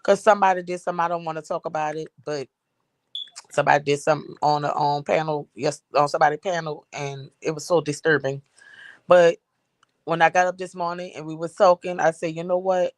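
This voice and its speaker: A woman's voice: low-pitched, steady tone, brisk, no echo. A woman in her forties, chatting casually on a live stream, rambling and repeating herself with frequent laughs. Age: 40s. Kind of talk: casual chat.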